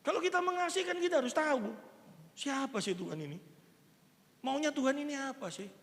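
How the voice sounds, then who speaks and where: Older man preaching, high gravelly voice. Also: fairly quick. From East Java, Indonesia. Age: 60s. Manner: lively, conversational preaching with everyday examples. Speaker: pastor. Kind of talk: sermon. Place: church hall. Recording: long reverb of a church hall.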